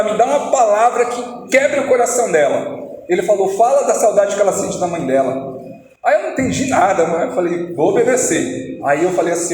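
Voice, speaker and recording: High-voiced preacher man in echoey hall. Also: darkish tone. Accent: Brazilian Portuguese. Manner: storytelling, acting out dialogue. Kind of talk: testimony sermon. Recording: echoey hall, faint noise.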